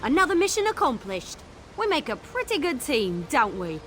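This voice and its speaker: A woman's voice: high voice, very animated, moderate pace, fairly bright tone, slight background noise. An actress playing a cheerful, teasing female wood elf companion in a video game. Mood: chipper. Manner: chipper, teasing. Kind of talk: game voice acting.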